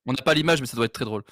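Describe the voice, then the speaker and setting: Male streamer, bright animated delivery, dry close mic, self-deprecating jokes. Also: mid-range voice, dry recording. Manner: joking, self-mocking, animated. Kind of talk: casual live stream chat.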